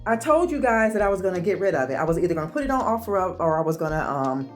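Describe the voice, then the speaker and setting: A woman vlogging from her home office, chatty and excited, calling her viewers "y'all". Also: lowish voice, racing, soft background music. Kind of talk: casual chat.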